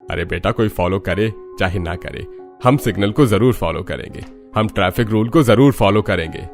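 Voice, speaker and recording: Man as a soft-spoken father, low voice, faint music, cartoon. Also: normal speed, vocal fry. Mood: gentle. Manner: mild, soothing. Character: calm gentle middle-aged father.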